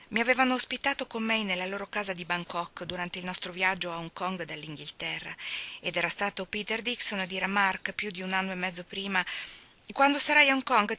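A woman reading a novel aloud in first person, slow and deliberate, with soft whispered passages. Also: mid-range voice. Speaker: reader.

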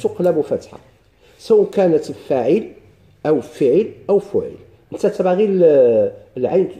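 Moroccan male teacher, slightly high but very mellow, dark voice, walks students through grammar and quizzes them as he goes. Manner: explains step by step, quizzing students with questions. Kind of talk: classical grammar lesson.

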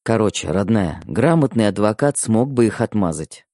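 A man voicing a blunt, gruff husband. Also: on the low side, lively intonation, normal speed, mellow, no room sound, clean studio sound. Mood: grim. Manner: coarse, blunt speech. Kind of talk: audiobook character voice.

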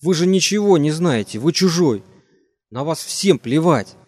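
Guy doing a drunk envious young man, ranting, yelling in bursts, audiobook. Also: mid-range voice, animated, moderate pace, natural voice. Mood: shouting. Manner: ranting, voice rising to shouts. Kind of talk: audiobook character reading.

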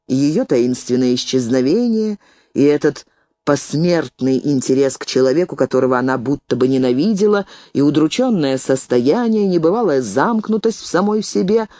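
A woman voicing a cold, sardonic middle-aged male writer who speaks in slow, drawn-out reasoning. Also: deep voice, mellow, no echo.

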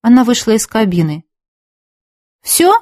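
A woman's voice: on the high side, moderate pace, a little mellow, no room sound. Dry, close woman's storytelling voice. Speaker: narrator. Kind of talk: scripted audiobook narration.

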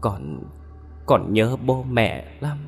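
A man's voice: medium pitch, sing-song, very slow, soft background music, heavily acted. A man voicing the ghost of a young woman who speaks in a faint, whispery voice through tears. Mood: mournful. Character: ghost of a sad young woman, weak and tearful.

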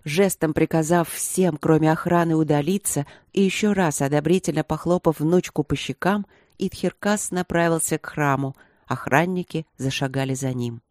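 An audiobook reader narrating a dark fantasy novel in an even, measured storytelling voice. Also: mid-range voice, no room sound, studio quality.

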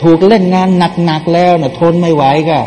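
A man's voice: a little high, a little fast, mellow. A male Quran teacher giving a sermon-style commentary, asking his listeners questions, answering them himself, and chanting verses in between. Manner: chants Arabic verses between plain explanations. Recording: long hall reverb, faint background noise.

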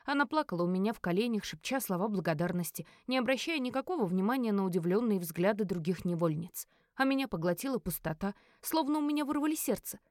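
Expressive woman reading a fantasy novel. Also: mid-range voice, quick pace, hardly any pauses, no room sound, studio quality. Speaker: audiobook narrator.

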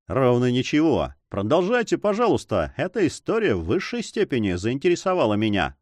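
A man's voice: mid-range voice, huge pitch swings, a little fast, darkish tone, no room sound. A man reading a fiery, proud forester. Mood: curious. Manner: exclaiming, passionate. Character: proud hot-tempered male forester, fiercely honorable. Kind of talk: audiobook character reading.

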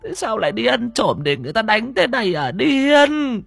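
A fretful, loving old grandmother in a storybook, scolding in rising exclamations, as a man puts her on. The voice is raised high and swoops widely, and it is a bit husky. Faint music plays behind her. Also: expressive, normal speed, exaggerated voice.

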